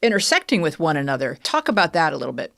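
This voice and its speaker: A woman's voice: sits low, big pitch swings, quick pace, creaky, a bit bright. A woman hosting an interview, asking questions in a casual, curious way. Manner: laughs often, friendly and curious. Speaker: interview host.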